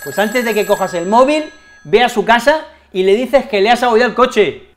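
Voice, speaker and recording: A man's voice: very high voice, expressive, moderate pace, voice pushed up. A man from Spain playing a blunt young Spanish friend who swears casually and gives advice. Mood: exasperated.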